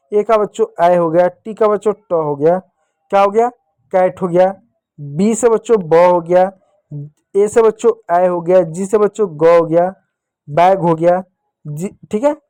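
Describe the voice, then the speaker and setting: A man's voice: sits high, dark tone, dry recording. A man with a Hindi accent teaching young children a phonics lesson, patient and repetitive, asking questions and answering them himself. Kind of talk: classroom lesson.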